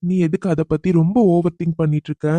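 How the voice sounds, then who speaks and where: A man's voice: fairly high pitch, fast talker, dry recording, close to an everyday voice. A man voicing a teasing, protective young cousin. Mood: consoling. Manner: teasing yet protective, talks gently to calm her. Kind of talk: cartoon voice acting.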